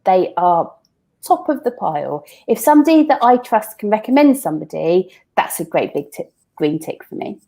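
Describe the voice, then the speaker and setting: A woman's voice: mid-range voice, sing-song, normal speed, gravelly, mellow. A woman being interviewed on a podcast, chatting casually and explaining with everyday examples, often restarting her sentences. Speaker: recruitment founder, interview guest.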